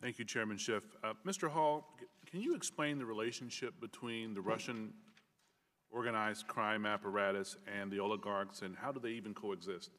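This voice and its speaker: A man's voice: on the low side, normal speed, a bit bright. A man questioning a witness formally as a member of Congress. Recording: reverberant hearing hall.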